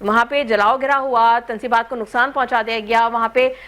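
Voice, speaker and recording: A woman's voice: a little high, fairly even intonation, brisk, a bit bright. A woman anchoring a political talk show, asking pointed questions and humming along as guests speak. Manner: pointed questioning, frequent hums of assent. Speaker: news anchor.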